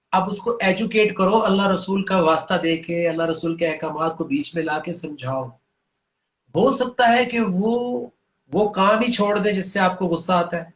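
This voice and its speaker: A man's voice: sits high, a bit bright, roomy sound. A man explaining Quranic teaching in an earnest, patient way, reciting short Arabic verses as he talks. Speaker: guest speaker on religion.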